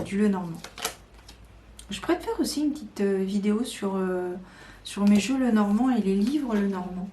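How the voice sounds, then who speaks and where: A woman chatting casually to her viewers about her card decks, hesitant with many fillers and enthusiastic. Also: mid-range voice. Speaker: tarot and oracle card YouTuber. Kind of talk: casual chat to camera. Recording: echoey room with faint noise.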